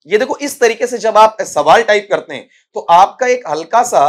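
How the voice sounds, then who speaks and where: A male English tutor with a Rajasthani Hindi accent and a slightly higher voice sternly drills pronunciation during an exam-prep lesson that answers student questions. He scolds, repeatedly asks "ठीक है?", calls students "बेटा", spells out sounds slowly, and repeats words for practice.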